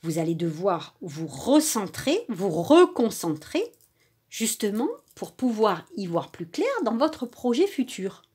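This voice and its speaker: A woman gives a casual card reading straight to her viewers, her voice soft and a little breathy. Her pitch swings up and down as she talks. She keeps dropping in small fillers and now and then trips over a word. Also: sing-song, slow. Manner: chatty, lots of "hein" and "euh", stumbles over words. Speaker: tarot and oracle card reader.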